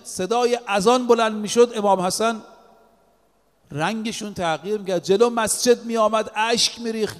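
A man delivers a religious sermon in a notably high voice, pressing his points with emphasis. He slips into recited Arabic scripture between his explanations. His voice rings out with a long reverb, as in a large hall. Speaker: preacher. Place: in or near Qom.

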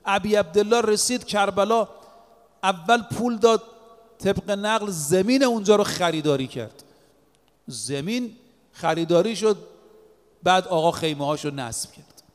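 A man's voice: high-pitched, long pauses. A man giving a religious sermon as a preacher, speaking emphatically and weaving in recited Arabic scripture. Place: in or near Qom. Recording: long reverb of a large hall.

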